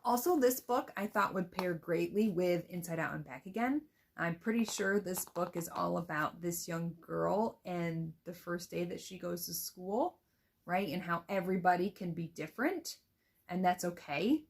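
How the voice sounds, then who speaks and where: A young woman teacher with a slightly low voice walks students through how to read a picture book aloud to children. She talks in a chatty, explaining way, with plenty of fillers. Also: moderate pace, creaky, slight background noise. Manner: explains then reads aloud with expression.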